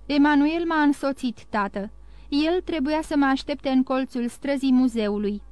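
A woman voicing a young woman who speaks in breathless, excited exclamations. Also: high voice, dry recording, natural voice. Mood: explaining.

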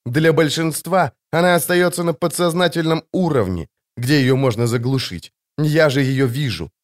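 Man doing tormented teenage boy, bitter, intense, raised higher voice, audiobook. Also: moderate pace, close to an everyday voice. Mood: cold, intense. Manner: bitter, agitated outbursts. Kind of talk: audiobook character voice.

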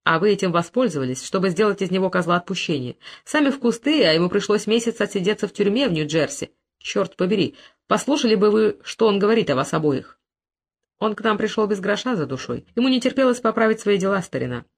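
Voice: mid-range voice, lively intonation, quick pace, creaky. A reader voicing a tense, firm mysterious rich man. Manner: firm, controlled.

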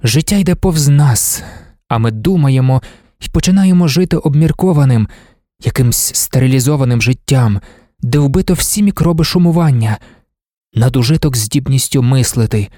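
A man's voice: mid-range voice, lively intonation, moderate pace, dark tone, no echo, clean studio sound, close to an everyday voice. A man reading a musing, philosophical young lover. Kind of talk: audiobook reading.

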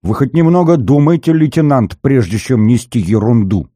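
A man's voice: on the low side, lively intonation, unhurried, mellow, no echo, studio quality. A man voicing a stern male investigator who questions and rebukes in a clipped, commanding way.

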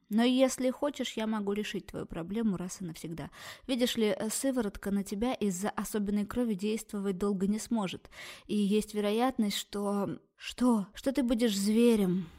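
A woman's voice: mid-range voice, moderate pace, warm tone, natural voice. Woman reading as a cold, ruthless doctor. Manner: harsh, cutting, lecturing.

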